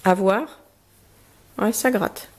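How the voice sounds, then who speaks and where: A woman with a cold and blocked nose chats through a casual beauty box unboxing review, pausing often, using many fillers, and reading product cards aloud. Her voice is mid-range and a little mellow.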